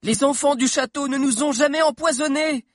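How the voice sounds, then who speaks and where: A man voicing an ash-grey, burnt boy who calls out to a crowd in a loud, high, clear child's voice. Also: moderate pace, dry recording, clean studio sound. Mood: forceful.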